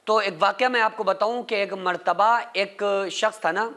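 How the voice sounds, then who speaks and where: A man's voice: high-pitched, pushed and bright. A man preaching in a storytelling sermon, acting out the dialogue of his tales in quotes. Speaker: Islamic preacher.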